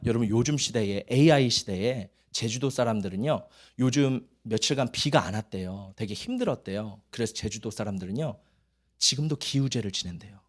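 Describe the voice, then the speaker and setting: A male pastor preaching a Sunday sermon, telling stories and acting out children's voices. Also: mid-range voice.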